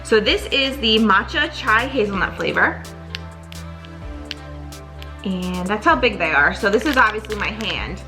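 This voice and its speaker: A woman's voice: medium pitch, animated, measured pace, long pauses, music in the background. A young woman chatting casually in a product review vlog, upbeat and full of "like" fillers. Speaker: vlogger.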